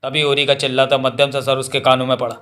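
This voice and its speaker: A man reading a Hindi novel aloud as an audiobook narrator, voicing every character in the same steady way. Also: mid-range voice, fast. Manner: reads all characters in a nearly even voice.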